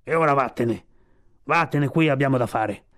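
A man voicing a grumpy, sleepy old male walrus in a storybook, talking slow and low. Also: fairly bright tone, no echo, studio quality, natural voice. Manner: slow, grumbling, low-voiced.

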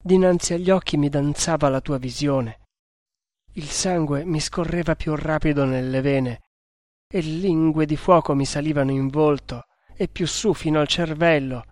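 A bold young hunter declares himself with fiery passion, as a man reads him. The voice sits somewhat high and swells with feeling. Dry, close sound. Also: steady tone, normal speed, a little mellow, no echo, close to an everyday voice. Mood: passionate. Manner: ardent, impassioned. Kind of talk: audiobook reading.

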